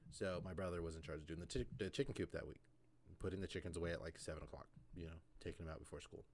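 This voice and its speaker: A man with a very deep, low voice tells a rambling story over a podcast chat. He keeps circling back with fillers and "like" as he goes. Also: rapid-fire, a little mellow, slight background noise. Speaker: podcast co-host.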